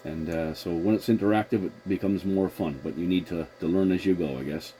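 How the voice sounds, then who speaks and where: Here a video host and CB radio operator speaks a little fast in a low-pitched, warm voice. He leads an easygoing CB conversation with proper call procedure, reworking his phrasing as he goes, over a noisy recording.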